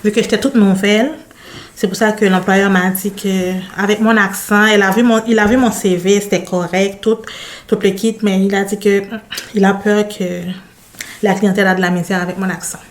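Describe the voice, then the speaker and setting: A woman's voice: medium pitch, steady tone, normal speed. A woman from Haiti whose first language is Haitian Creole, speaking French with a Haitian accent mixed with Beauce Québécois features, answering interview questions in plain, short phrases. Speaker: interview guest. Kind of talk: conversational interview.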